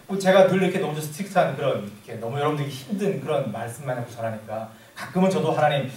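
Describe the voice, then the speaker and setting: A man preaching a sermon as pastor, reading scripture slowly and emphatically, with casual asides to the congregation. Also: medium pitch, darkish tone, reverberant, recorded from a distance, a little hiss or hum. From South Korea.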